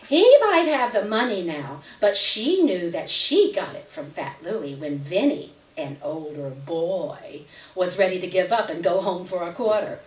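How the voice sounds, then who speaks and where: Before a live audience, a woman narrates a piece of literary fiction in a dramatic reading, her voice fairly low, very animated, and unhurried. The recording is roomy, distant, and hissy.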